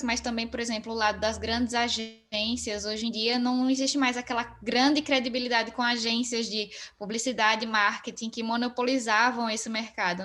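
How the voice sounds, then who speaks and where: A young woman, chatting casually as an interview guest and filling her talk with relaxed asides. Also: a little high. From Northeast Brazil. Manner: relaxed, talkative, frequent fillers.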